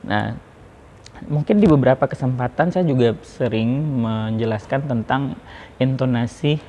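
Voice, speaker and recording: A man talks through a lesson on how to deliver a sermon, in a loose, chatty manner full of fillers and restarts. His voice sits at an ordinary middle pitch. A faint hiss runs underneath. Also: darkish tone. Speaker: public speaking teacher. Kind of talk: informal lesson on preaching delivery.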